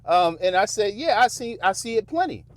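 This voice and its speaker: A man's voice: high voice, big pitch swings, moderate pace, no room sound. A middle-aged man, hosting a podcast and giving a casual, preachy motivational talk to men that's full of "man" and "bro.". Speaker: podcast host.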